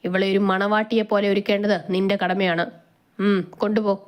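A woman voicing a cruel male gang boss who gives orders and gloats in a slow, commanding tone. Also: medium pitch, level tone, natural voice.

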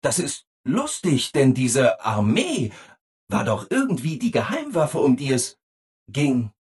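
In this heavily acted video game dialogue, a man voices a cheerful robot helper who's always eager to please. He speaks slowly with a slightly rough tone, yet stays chirpy and over-eager, using sing-song stress and wide, energetic leaps in pitch.

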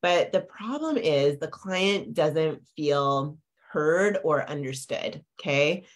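Deep-voiced and animated yet unhurried, a forties-aged business coach streams a live coaching talk from her home office via video call webcam. She's a bit congested, keeps coughing lightly, and rambles chattily with fillers and tag questions.

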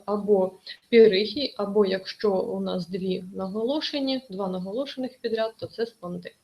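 A woman's voice: medium pitch, creaky, poor audio. A woman teaching an online exam-prep lesson, explaining carefully with many hesitations.

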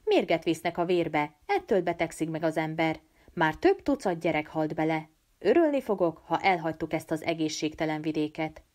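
A woman's voice: low voice, very animated, darkish tone. A woman voicing a clever, serious teenage boy who leads a band of children, curt and matter-of-fact. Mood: earnest.

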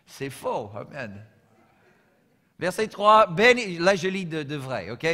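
A high, bright-voiced American man preaches a sermon in a church with a long echo. He moves from quiet, humorous asides to loud, shouted lines. His accent carries through every phrase. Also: very animated, slow pace. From United States. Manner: humorous storytelling. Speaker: pastor.

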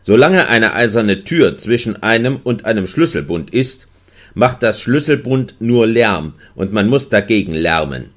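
A man narrating a literary novel in the first person for an audiobook. His delivery is measured and expressive, in a mid-pitched voice. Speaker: audiobook reader.

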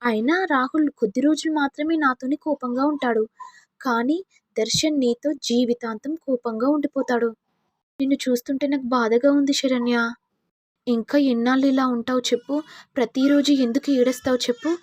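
A woman's voice: high-pitched, fairly even intonation, normal speed, darkish tone, dry recording. A woman voicing a jealous, scheming young sister-in-law with mocking, sly asides.

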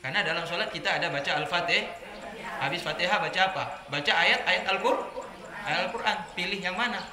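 A man preaching a religious study sermon to a group of women, telling lively stories and jumping higher in pitch for anecdotes. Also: a little fast, a crowd in the background. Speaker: Islamic preacher. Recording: echoey room with background noise.

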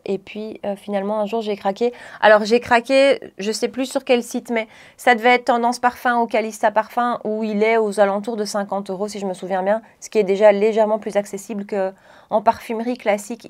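A woman's voice: mid-range voice, level tone, fairly quick. A woman beauty vlogger chatting casually to camera, gushing and chatty, with frequent fillers.

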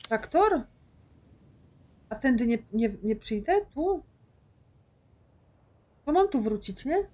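Slow-talking woman gamer. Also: a little high, sing-song, mellow. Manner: chatty, confused, talks to viewers and herself. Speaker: gaming streamer. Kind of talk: casual let's play commentary.

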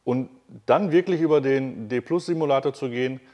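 A man's voice: medium pitch, normal speed, muffled recording. A man hosting a casual interview in a large workshop hall, talking in a chatty, enthusiastic way with many fillers and restarts. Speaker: host.

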